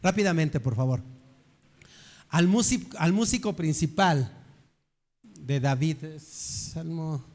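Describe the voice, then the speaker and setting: Older pastor with a high voice. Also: male voice, lively intonation, takes it slowly, long pauses, darkish tone. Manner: earnest preaching with rhetorical questions. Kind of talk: sermon.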